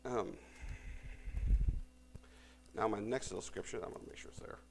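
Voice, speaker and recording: A man's voice: lowish voice, moderate pace, gravelly, poor audio. A man preaching a conversational sermon in a church, reading scripture and then explaining it while correcting himself as he goes. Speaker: pastor.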